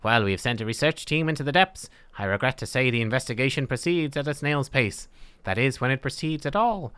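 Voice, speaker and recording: A man reading the part of a sombre expedition official in a fantasy game, formal and measured. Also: medium pitch, expressive, a bit bright, clean tone, dry recording, close to an everyday voice. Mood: grave, cautioning. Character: sombre male expedition official warning adventurers.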